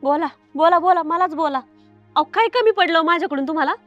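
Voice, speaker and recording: Actress as a fast-talking, high-voiced village wife, nagging and accusing, dry close sound. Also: female voice, a bit bright, no room sound, highs cut off, faint music behind. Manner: reproachful, nagging questions. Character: hurt, accusing village wife in her prime. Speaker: suspicious wife. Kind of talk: comedy film acting.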